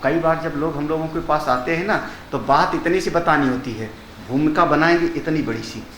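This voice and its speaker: An older man, a swami, giving a discourse on scripture, chanting Sanskrit verses slowly and then explaining them in conversational speech with rhetorical questions. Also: a little high, a bit bright, slight background noise. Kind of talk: Hindi discourse on Vedanta. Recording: echoey hall ambience.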